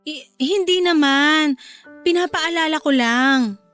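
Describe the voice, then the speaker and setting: A woman's voice: high-pitched, slow pace, faint music behind. Gina, a desperate mother. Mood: meek. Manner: meek and apologetic, then crying and shouting. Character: desperate mother working as assistant, pleading. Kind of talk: radio drama acting.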